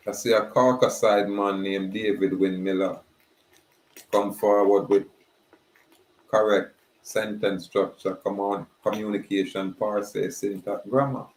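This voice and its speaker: A man giving a slow, emphatic preaching monologue. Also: lowish voice, level tone, a little mellow, a little hiss or hum. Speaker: spiritual speaker. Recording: roomy echoey recording.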